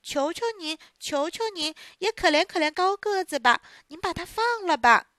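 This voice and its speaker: A frightened little puppet boy speaks up in a high, tearful, pleading voice that leaps up and down, a woman putting him on as she reads the story. The sound is close and dry. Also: sing-song, slow pace, fairly bright tone, dry recording, exaggerated voice. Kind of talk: storybook reading.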